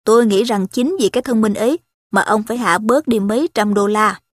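A woman reading the part of a wealthy young gentleman who teases with dry irony in a spoken story. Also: mid-range voice, brisk, no room sound, close to an everyday voice. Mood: mocking.

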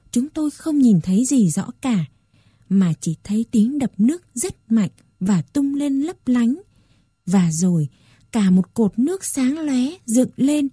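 Slow, mellow woman storyteller. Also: on the high side, breathy edge, no room sound, studio quality. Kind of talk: scripted narration.

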